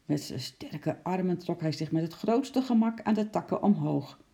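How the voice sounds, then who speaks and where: A narrator reading a children's story aloud in a calm, even manner. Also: medium pitch, moderate pace, gravelly. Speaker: audiobook narrator.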